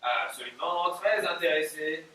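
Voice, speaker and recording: A man's voice: fairly high pitch, measured pace, pushed and bright. An actor playing a naive, clumsy, eager man in a stage play, hesitant and easily confused, recorded from far off in a very roomy theatre. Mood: bluffing. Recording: very roomy stage audio from far off, faint noise.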